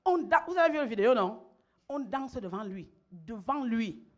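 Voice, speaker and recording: Preaching emphatically, a middle-aged female pastor repeats her phrases and calls on those listening to answer back during her sermon. She speaks at normal speed in an expressive voice that sits on the high side.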